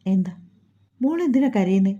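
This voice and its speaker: A woman voicing a calm, patient middle-aged mother. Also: medium pitch, normal speed, muffled recording, lightly acted. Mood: concerned.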